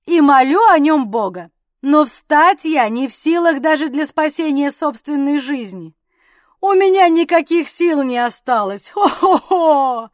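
A woman reader plays a reckless, drunken gentleman from an audiobook, boisterous and mocking. He calls out loudly between bursts of laughter. The voice is high and dry. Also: expressive, measured pace, no room sound. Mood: drunken glee.

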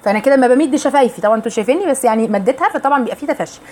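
A woman with an Egyptian Arabic accent teaching Quran recitation rules to women, explaining each rule, reciting verses slowly and drawn out, and putting questions to her listeners. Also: sits high, animated, dark tone. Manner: asks the listeners questions directly. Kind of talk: tajweed lesson for women.

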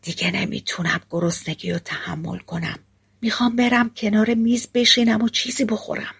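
A woman's voice: medium pitch, lively intonation, close to an everyday voice. A woman voicing a bold, hungry young male ex-soldier in a storybook, speaking bluntly and with some liveliness. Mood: urgent.

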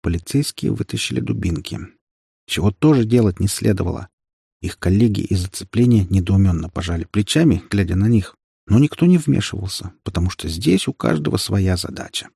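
A man narrating a dramatic audiobook in an expressive storytelling manner. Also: low-pitched, brisk, gravelly, slightly rough, no room sound, clean studio sound.

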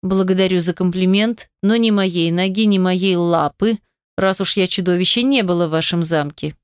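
Woman voicing a calm, mocking monster husband, unhurried and smooth, dry close read. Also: fairly low pitch, dry recording, lightly acted. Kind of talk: audiobook reading.

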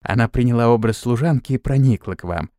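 A man voicing a young female servant who speaks in a quiet, flat, slow voice. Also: mid-range voice, no room sound, studio quality, natural voice.

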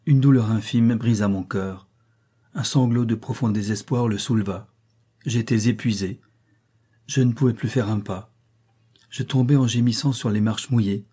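An audiobook narrator reads a classic novel in a measured, expressive way. His voice sits on the low side and is slightly rough.

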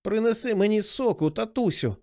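A man voicing a dying old woman after a stroke, who talks in a hoarse, halting, pleading way. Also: high voice, animated, darkish tone, pitched above the performer's own voice. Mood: pleading, confused.

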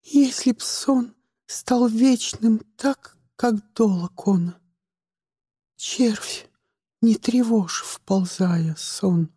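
A man's voice: sits high, extremely slow, husky, no echo, clean studio sound, pitched above the performer's own voice, full character voice. A man voicing a sobbing young woman. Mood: tearful tender. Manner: sobbing, soft. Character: young woman navigator, tearful and tender.

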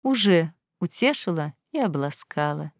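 A woman's voice: low voice, expressive, measured pace, no echo, pitched below the performer's own voice. A spiteful, scheming rich girl who sneers and mocks in a snide sing-song, as a woman reader plays her. The audiobook read is dry and close to the mic. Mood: sneering. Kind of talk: audiobook character reading.

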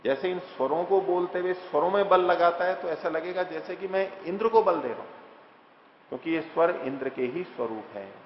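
A man teaching scripture, reciting verses slowly and then explaining them plainly with rhetorical questions. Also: on the high side, slight background noise. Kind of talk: scripture lecture. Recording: echoey hall, dull lo-fi sound.

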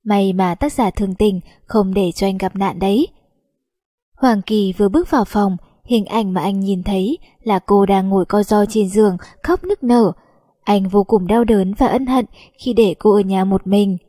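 A woman narrating a romance audiobook with a steady storytelling delivery. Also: mid-range voice, normal speed, no room sound, clean studio sound.

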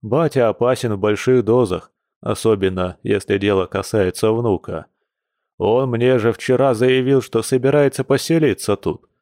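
Dude voicing a miserable hungover werebear guy, low groaning, self-pitying, dry sound. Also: normal speed, a little mellow, dry recording, lightly acted. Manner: groaning, mournful. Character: hungover male bear werewolf, gloomy and self-pitying.

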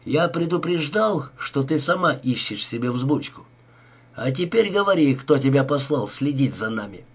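A man's voice: medium pitch, lively intonation, normal speed, slightly rough, muffled recording. A man voicing a brutal gangster who threatens and bullies in a harsh voice. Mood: menacing. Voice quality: harsh, menacing.

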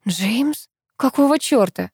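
An ardent, confident young man speaks in an audiobook, as a woman reads his lines. The tone is warm and mellow, and the close mic is dry. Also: on the high side, lively intonation, takes it slowly, breathy edge, dry recording, voice pushed up, exaggerated voice. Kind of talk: audiobook reading.

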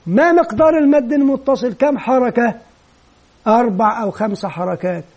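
High-voiced man teaching recitation drills. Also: darkish tone. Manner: demonstrates drills, slowly repeating chanted phrases; acts out teacher questioning a child. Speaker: Quran recitation teacher trainer. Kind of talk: instructional lecture on teaching children.

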